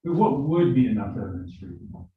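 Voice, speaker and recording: A man's voice: medium pitch, big pitch swings, a little fast, far from the mic. Man, questioning jurors, conversational, repeats himself, dull echoey video call audio. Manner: conversational, explains with examples, repeats words. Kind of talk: jury selection questioning.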